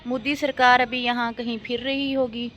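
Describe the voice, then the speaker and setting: A young woman with a Pakistani accent chats outdoors for her vlog in a mocking, teasing tone. Her voice sits high and sounds bright and sharp. Faint outdoor ambience hums underneath. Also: level tone, normal speed, a little hiss or hum. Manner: mocking, sarcastic, teasing banter. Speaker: vlogger. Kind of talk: casual chatty vlog.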